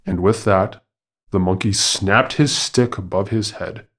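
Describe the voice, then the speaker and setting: A man with a low voice tells a forest fable for a podcast in scripted narration. His delivery is deliberate and formal, lingering over the phrases. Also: fairly bright tone. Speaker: podcast storyteller.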